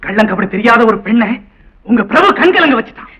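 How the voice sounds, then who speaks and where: An earnest son begging his policeman father to trust him. He speaks fast in a high voice with steady urgency. It comes from a dull old film soundtrack with faint music. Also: slightly rough, exaggerated voice. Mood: pleading. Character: earnest young son hiding a secret. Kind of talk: 1960s film melodrama acting.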